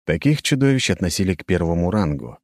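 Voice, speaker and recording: A male narrator reads an audiobook in an even, measured way. His voice is very deep and warm, and it sits close and dry. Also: dry recording.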